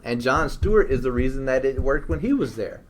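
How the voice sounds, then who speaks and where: A man's voice: medium pitch, animated, fairly quick. Blunt, slangy male podcast co-host. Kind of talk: casual discussion.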